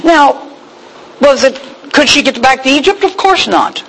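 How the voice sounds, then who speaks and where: A woman's voice: high voice, measured pace, rough recording. Older woman giving a chatty sermon. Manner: chatty and expressive, with humorous asides. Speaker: Bible teacher. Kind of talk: conversational sermon.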